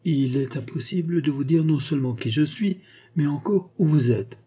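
A soft-spoken, mysterious young woman tending a wounded man, as a male narrator puts her on, low and husky in tone. She speaks tenderly and discreetly, keeping her secrets in a dark, mellow voice. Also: normal speed. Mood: gentle.

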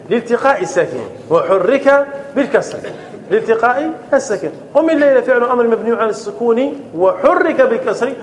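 A man teaching an Arabic grammar class. He repeats key phrases, keeps asking whether it is clear and calls on students to answer. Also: very high-pitched. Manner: often checks understanding with "clear?". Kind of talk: classroom lesson.

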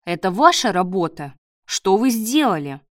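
A woman reading the part of a gruff, hungover male doctor who speaks curtly and snaps orders. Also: high-pitched, lively intonation, measured pace, no room sound, studio quality. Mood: angry. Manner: curt, snapping orders.

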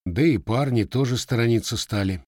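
Voicing a wary, scarred young Cossack with blunt village speech, this man raises his pitch above his own voice yet stays close to an everyday delivery. The mid-range voice has a darkish tone and moderate pace, recorded cleanly in a studio with no echo.

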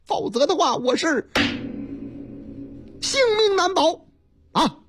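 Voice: lively intonation, slow pace, a little hiss or hum, exaggerated voice. A radio host with a Beijing accent voicing a panicked young man who stammers out a false crime report to the police. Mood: frantic. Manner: high-pitched, breathless babbling.

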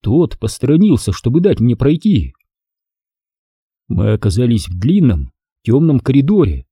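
A man narrating a storybook in a lively, expressive reading. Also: mid-range voice, moderate pace, husky, no room sound, clean studio sound. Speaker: audiobook narrator.

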